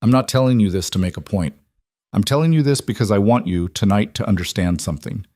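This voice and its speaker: A man's voice: on the low side, quick pace, mellow, no echo, clean studio sound, close to an everyday voice. Man playing a reserved, careful powerful man. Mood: tender.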